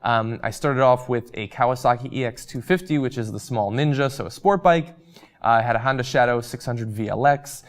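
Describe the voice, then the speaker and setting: A young man hosting a show and chatting casually through viewer comments, losing his voice, with frequent ums and uhs. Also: mid-range voice. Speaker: host.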